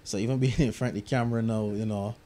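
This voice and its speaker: In a recording studio, a young music producer from Barbados talks about his work in a relaxed, reflective interview, slipping into local grammar. His voice is fairly low and fast, with slight background noise.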